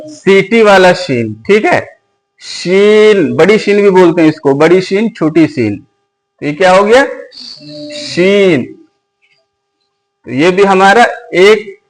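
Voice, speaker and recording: High-voiced man teaching slowly. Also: poor audio. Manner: asks questions and repeats each letter slowly. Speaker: Quran reading teacher. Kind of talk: patient letter-by-letter lesson.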